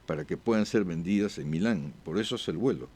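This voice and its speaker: A man speaking as a diplomat guest in an interview, with halting answers full of "eh" pauses and restarts. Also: low-pitched, expressive, mellow, husky. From born abroad.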